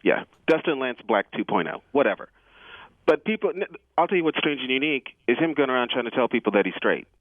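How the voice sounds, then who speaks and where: A man's voice: medium pitch, animated, no echo. Guy calling in on a tinny phone line, bouncy up-and-down voice, cheeky and provocative, dry sound. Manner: provocative, mock-outraged, quick to put on voices. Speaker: caller. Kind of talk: casual phone call to a radio show.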